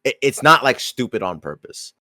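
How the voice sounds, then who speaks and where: A man's voice: mid-range voice, moderate pace, no echo, studio quality. A man co-hosting a podcast, chatting casually about a movie and often repeating his opening words. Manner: relaxed, repeats words when starting sentences. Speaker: podcast co-host. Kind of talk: casual movie review chat.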